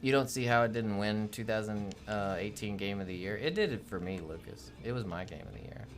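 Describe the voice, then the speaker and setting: A man's voice: on the low side, fairly quick, soft background music. A man co-hosting a gaming livestream, chatting casually and greeting viewers by name, often tripping over how to say them. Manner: upbeat, greets chat by name, stumbles on names. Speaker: streamer co-host.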